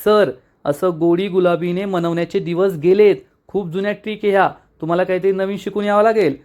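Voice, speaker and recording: A man voicing a coy, playful young woman who teases briskly. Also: lowish voice, steady tone, darkish tone, close to an everyday voice. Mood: coy, teasing.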